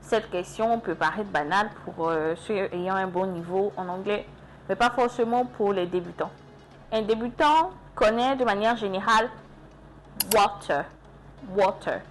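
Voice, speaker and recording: A young adult woman teaching an English lesson in French. She speaks slowly and repeats words to model their pronunciation. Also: mid-range voice, faint music behind.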